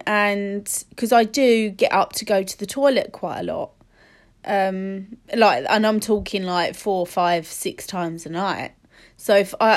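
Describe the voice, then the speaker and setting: A woman, chatting casually and rambling with many fillers while sniffly from a cold. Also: medium pitch. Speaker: podcast host. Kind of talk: casual solo chat.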